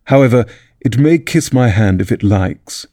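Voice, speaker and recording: A man's voice: medium pitch, animated, moderate pace, mellow, dry recording, clean studio sound, close to an everyday voice. A man reading aloud voices a timid, fussy king who stammers.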